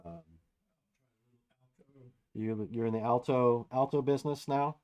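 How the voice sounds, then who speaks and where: A man hosting a casual livestream from his home studio, talking loosely with lots of fillers while a saxophone warms up. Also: mid-range voice, fairly even intonation, a little slow, highs cut off. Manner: loose and rambling, many fillers. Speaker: livestream host and musician. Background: saxophone warming up.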